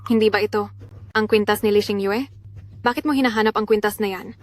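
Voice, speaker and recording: A woman's voice: medium pitch, steady tone, a little fast, natural voice. A woman dubbing a frightened young female captive who pleads and bargains anxiously. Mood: wary. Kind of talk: Tagalog drama dub.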